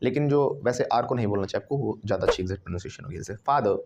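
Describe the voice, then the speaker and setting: A man with an Indian accent teaching a spoken English class, animated, drilling his students with call-and-response repetition. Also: fairly low pitch, very fast, highs cut off, noisy background. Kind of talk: classroom lesson.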